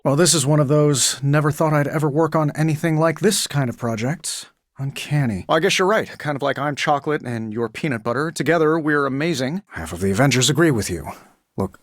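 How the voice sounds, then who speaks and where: Cocky, lively-pitched wisecracking superhero inventor, Iron Man. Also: no echo, clean studio sound. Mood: breezy, sarcastic, then earnest, subdued. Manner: glib, sardonic, self-assured. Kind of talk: video game voice acting.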